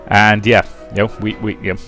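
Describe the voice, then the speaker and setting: At a normal speed and level tone, a man with a lowish, somewhat bright voice reads a visual novel aloud for his let's play. He adds rambling, casual commentary while faint music plays behind him.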